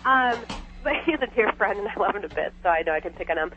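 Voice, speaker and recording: This psychic guest calls into a radio talk show, and her medium-pitched, fairly bright voice moves fast with lively intonation. She keeps it casual, laughs a lot and fills her speech with "you know," all through a thin, tinny phone connection.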